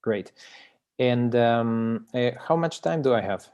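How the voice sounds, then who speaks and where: A man from Chile, presenting his book over a video call in an academic talk, pausing often with filler sounds and restarting phrases. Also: mid-range voice, expressive, a little mellow, clean tone, highs cut off.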